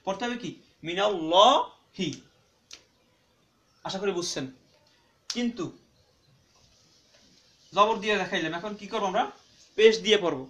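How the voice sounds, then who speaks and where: High-voiced man teaching Quran reading. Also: a bit bright. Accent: Bangladeshi Bengali. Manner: asks and answers his own questions, repeating terms slowly; drawn-out syllable-by-syllable spelling of letters. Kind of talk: spoken classroom-style lesson.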